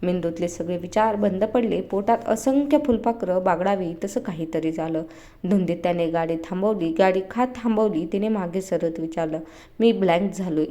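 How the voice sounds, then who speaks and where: A woman narrates a romance story in a mellow, warm voice. Her reading is expressive and dramatic, carrying the listener through each scene. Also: fairly low pitch.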